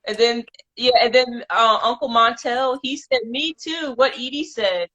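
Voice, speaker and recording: A woman hosting a live podcast, reading out viewer comments in a relaxed way and laughing often. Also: on the high side, a little slow, lo-fi sound. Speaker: podcast host.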